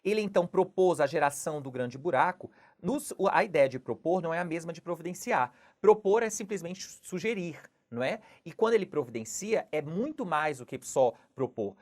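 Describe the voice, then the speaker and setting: A low-pitched woman teaches Portuguese grammar by walking through exam questions. She explains patiently and keeps checking in with the listener after each point. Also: expressive, a little fast, few pauses, a little mellow. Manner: explanatory, repeats "não é?" and "tudo bem?" often. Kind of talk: exam question walkthrough lesson.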